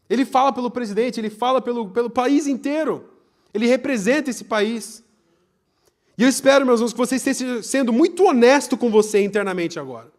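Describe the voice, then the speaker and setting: Young Brazilian pastor with a high-pitched voice, preaching live, lively swings from loud to hushed. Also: male voice. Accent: Brazilian Portuguese. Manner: animated, swings between loud emphasis and hushed asides. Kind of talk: live sermon. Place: church, live service.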